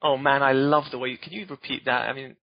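A man hosting an interview podcast, eager and easily excited by his guest. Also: medium pitch, fast, creaky, dry recording, muffled recording. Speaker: podcast host.

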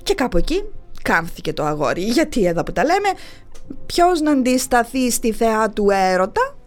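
A woman's voice: on the high side, big pitch swings, soft background music. A woman telling comic myths in a chatty, folksy way, talking straight to listeners. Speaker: storyteller. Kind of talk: comic mythology storytelling.

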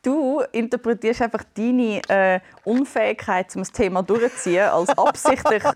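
Teasing woman. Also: a little high. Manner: teasing, quick mock-indignant comebacks. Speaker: podcast co-host. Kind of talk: casual banter.

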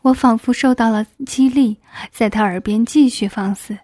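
A woman narrating an adult audiobook in a soft, intimate reading voice on a close microphone. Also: on the high side, steady tone, moderate pace, no echo.

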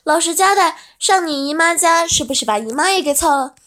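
A woman reading the lines of an affectionate, teasing middle-aged mother in a soft, coaxing way. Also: very high-pitched, expressive, fairly quick, full character voice.

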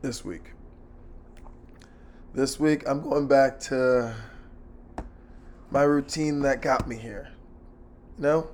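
A hoarse man hosting a casual sports betting podcast by himself, talking in a blunt, slangy, sweary way. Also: mid-range voice, fairly even intonation, takes it slowly, long pauses, a little mellow, slight background noise.

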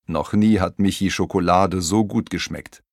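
A man narrating a children's audiobook in an expressive storytelling manner. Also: low-pitched, normal speed, no room sound, studio quality.

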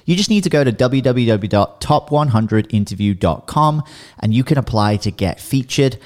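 A man's voice: mid-range voice, expressive, normal speed, darkish tone. A man speaking directly to listeners in an upbeat tone as he reads a promo for his podcast. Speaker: podcast host. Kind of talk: scripted promo read.

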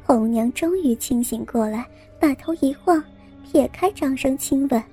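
A woman reads a scripted story in a high, mellow voice with a warm, dark tone. Her delivery is soft and even, carrying the narration steadily. Faint music plays quietly underneath. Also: a little slow, breathy edge.

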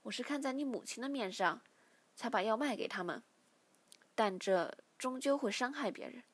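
A woman's voice: on the high side, normal speed, slightly rough. A woman voicing a stern, weary middle-aged father who lectures his grown son, in a read-aloud novel. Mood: lecturing.

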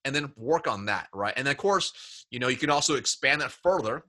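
A man's voice: medium pitch, lively intonation, a little fast, sharp tone. A man telling a workplace story as an interview guest, acting out both sides of the dialogue. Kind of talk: casual storytelling chat.

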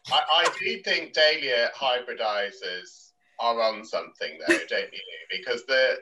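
A man with a bright, forceful voice who talks hesitantly and often restarts. He sounds distant, heard over a dull, muffled remote connection. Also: mid-range voice, animated, unhurried, slight background noise. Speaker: guest. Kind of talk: casual chat.

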